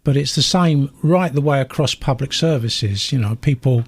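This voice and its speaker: An older man from South London with a South London accent, a guest in a radio interview who tells stories with lively acted-out dialogue. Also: medium pitch, moderate pace, slightly rough. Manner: animated storyteller, acts out dialogue.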